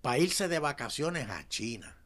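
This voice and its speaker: A man's voice: mid-range voice, big pitch swings, a little slow, a bit bright. A man with a Puerto Rican accent hosting a comedic talk show, joking and exclaiming in casual chat. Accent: Puerto Rican Spanish.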